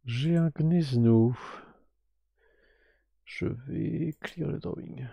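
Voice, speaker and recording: A man hosting a live game stream, slowly drawing giveaway winners and muttering to himself with whispered asides. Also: mid-range voice, gravelly, breathy edge, no room sound, dull audio.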